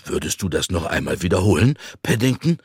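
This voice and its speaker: A man playing a kindly, calm older antique dealer in an audiobook reading. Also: deep voice, brisk, husky, no room sound, clean studio sound, full character voice. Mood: excited.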